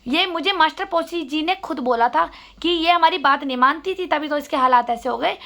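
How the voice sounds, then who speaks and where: A woman's voice: sits high, a little fast, a bit bright. A middle-aged woman giving an emotional, scolding appeal straight to her sister in a personal vlog. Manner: scolding, pleading, preachy. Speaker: vlogger addressing her sister. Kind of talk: emotional direct-to-camera appeal.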